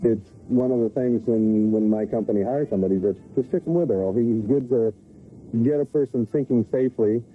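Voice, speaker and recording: A man, a tugboat engineer and deckhand, speaking haltingly with many restarts in an interview. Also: mid-range voice, soft background music. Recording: tinny VHS recording outdoors.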